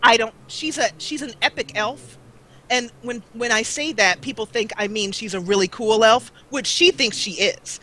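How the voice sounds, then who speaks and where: A woman with a slightly high, bright and forceful voice chats at a normal pace as a guest on a gaming live stream, where she's known as a gaming roleplay video creator. She rambles playfully over a low-grade microphone on a live call, so the recording is rough.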